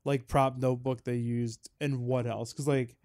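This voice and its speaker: A man's voice: medium pitch, little pitch movement, normal speed, a little mellow. A man chatting casually about a film, rambling with lots of fillers and frequent laughter. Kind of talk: casual chat.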